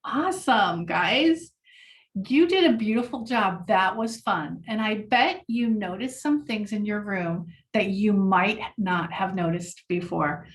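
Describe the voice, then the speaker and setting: A woman leading a children's mindfulness lesson, speaking gently and encouragingly to the class. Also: medium pitch, expressive, unhurried, distant mic.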